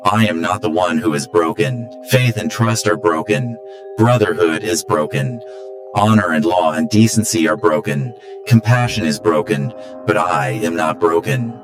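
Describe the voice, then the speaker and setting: Guy putting on a deep mechanical spirit voice, solemn, echoey w/ loud music. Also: lively intonation, moderate pace. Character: all-knowing machine spirit speaking through a chair.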